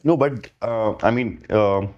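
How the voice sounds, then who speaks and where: A man's voice: on the low side, a little slow, darkish tone, dull audio. A man with an Indian accent in casual conversation, asking and answering in a rambling, informal way with occasional Hindi words. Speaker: photographer and interviewer.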